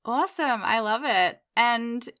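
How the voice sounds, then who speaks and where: A woman podcast host with a fairly high voice. She opens with a prepared welcome, then chats in a friendly, upbeat way with her guest. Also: a little slow, fairly bright tone. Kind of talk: podcast interview.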